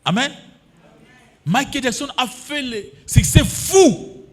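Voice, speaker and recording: A man's voice: very high voice, animated, slow pace. A pastor in his fifties with a Congolese French accent, preaching a sermon that he punctuates with alleluias and amens and mixes with Lingala. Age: 50s.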